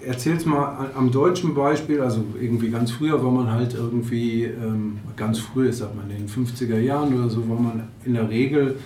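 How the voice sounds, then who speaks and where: A man reads from his own book at a bar event, his mid-pitched voice stumbling now and then over fillers and restarts. The mic sits some way off, so the sound is echoey. Faint room ambience hangs behind him. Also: fairly even intonation, moderate pace, hardly any pauses, mellow, far from the mic, slight background noise. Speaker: author giving a reading. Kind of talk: book reading with asides.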